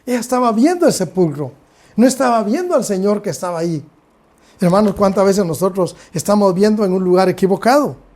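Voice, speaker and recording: Man, pastor, Guatemalan accent, sermon, dark mellow tone, addresses congregation directly. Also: sits high, animated, brisk. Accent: Guatemalan Spanish. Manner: preaching, often calls out to the brothers and sisters.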